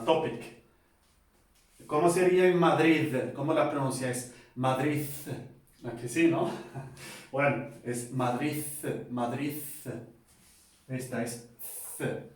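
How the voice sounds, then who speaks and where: A man giving a casual pronunciation lesson, relaxed and chatty, often checking in with his listeners and repeating sounds slowly. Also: on the high side, distant mic. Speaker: language teacher. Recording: echoey room, voice from off-mic.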